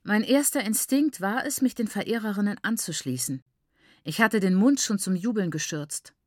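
Female audiobook narrator, mid pitch, calm first-person storytelling, dry studio sound. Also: moderate pace, no room sound. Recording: dry close studio recording.

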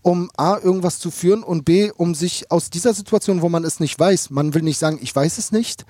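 A man's voice: high-pitched, brisk, warm tone, no room sound. A fish farmer talking casually in an interview, rambling and repeating words as he thinks aloud.

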